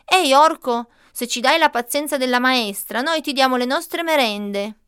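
Give me a woman playing a bold young boy calling out eagerly, in a crisp clear voice. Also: high-pitched, normal speed, a bit bright, no room sound, studio quality, voice pushed up.

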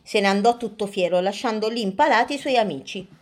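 Lively woman reading a children's story. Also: mid-range voice, quick pace. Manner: lively, playful, sing-song. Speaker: storyteller host.

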